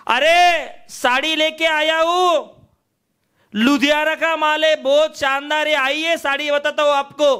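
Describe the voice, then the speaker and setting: A man's voice: very high voice, steady tone, measured pace, pushed and bright, voice pushed up, exaggerated voice. A man voicing a persistent male street saree seller with wheedling, repetitive sales patter. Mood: coaxing.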